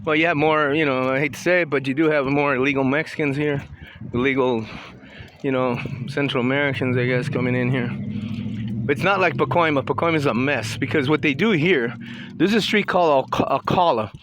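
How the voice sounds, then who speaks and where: A vlogger in his sixties from Southern California rambles opinionatedly, restarting often, as he walks around a town outdoors. His mid-range voice is brisk and a bit bright, and the rough recording picks up street noise and passing traffic.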